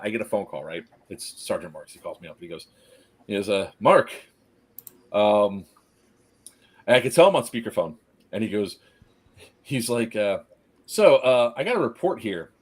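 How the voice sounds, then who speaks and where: A man in casual conversation on a stream, telling an animated story, acting out quotes, laughing and swearing freely. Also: on the low side, brisk, slightly rough. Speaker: stream co-host.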